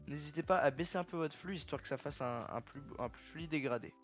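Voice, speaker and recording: A man's voice: on the high side, fast talker, faint music behind. Chatty young man walking through a tutorial. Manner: chatty, step-by-step, addresses viewers as "les gars". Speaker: tutorial creator. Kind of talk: casual screen-recorded software tutorial.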